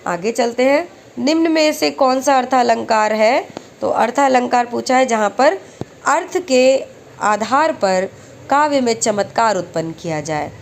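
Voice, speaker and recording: A woman teaching exam-prep lessons who recites verse slowly and then explains each question step by step. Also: fairly high pitch, animated, vocal fry, a little hiss or hum.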